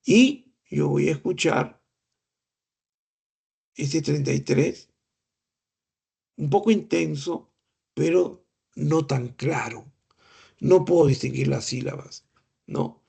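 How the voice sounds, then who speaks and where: A man's voice: on the high side, slow, creaky, long pauses, warm tone, husky. A middle-aged man lecturing on clinical examination, explaining patiently, asking rhetorical questions and imitating breath sounds. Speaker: medical lecturer.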